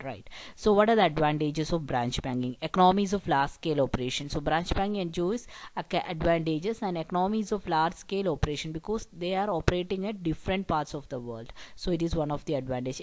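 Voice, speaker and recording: A woman's voice: on the low side, darkish tone, low-quality recording. A woman teaching an exam revision lecture, explaining step by step and often checking in with "okay" and "right".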